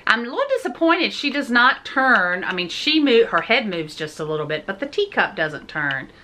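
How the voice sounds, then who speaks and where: A woman's voice: a little high, very animated, moderate pace, pushed and bright, slight background noise. A woman in her forties hosting a casual shopping haul vlog, chatty and jokey, talking straight to her viewers. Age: 40s. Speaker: vlog host.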